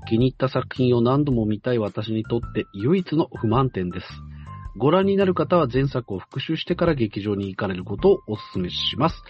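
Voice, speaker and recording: Male host, mid-pitched, reads listener mail in a measured way with hesitant fillers; muffled lo-fi sound over faint music. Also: animated. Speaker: radio-style show host. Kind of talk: reading a listener's letter aloud with side comments.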